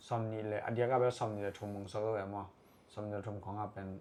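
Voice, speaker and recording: A man who founded a community group, answering interview questions in a relaxed, matter-of-fact way. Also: on the low side, racing, slight background noise. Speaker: podcast guest, community founder.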